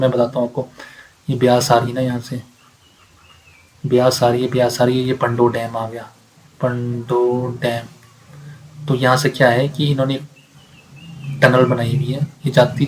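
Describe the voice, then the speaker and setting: Flat-voiced male exam tutor. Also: mid-range voice, background noise. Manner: repeats facts, asks and answers himself, mixes English readings. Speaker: exam prep teacher. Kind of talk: explanatory lecture.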